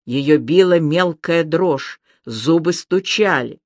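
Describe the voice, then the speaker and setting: Brief: unhurried audiobook narration, dry close sound, even delivery. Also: mid-range voice, no echo. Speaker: audiobook reader.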